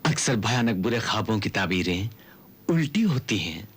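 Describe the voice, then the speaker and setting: An actor voicing a kind, comforting old king and father in a cartoon, with a husky, soothing voice. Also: fairly low pitch, very animated, moderate pace. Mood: reassuring. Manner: soothing, reassuring. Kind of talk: Hindi cartoon dub acting.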